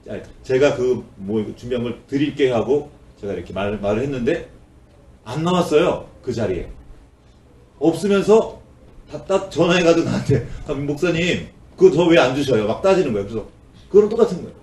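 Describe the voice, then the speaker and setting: A male pastor delivers a sermon, now and then acting out grumbling voices in a higher, pleading tone. He sits at an average pitch for a man. The sound is roomy and carries a lot of the church's echo, and his voice comes from some distance off the mic. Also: animated, fairly quick, darkish tone. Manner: acts out complaining voices with rising pitch. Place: church sanctuary.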